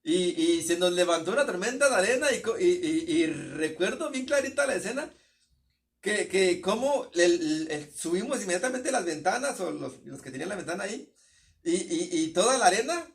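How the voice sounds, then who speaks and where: A man's voice: high-pitched, animated, creaky, recorded from a distance. A man with a northern Mexican accent preaching a sermon, often stumbling and repeating words as he goes. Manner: halting, many repeated words and restarts.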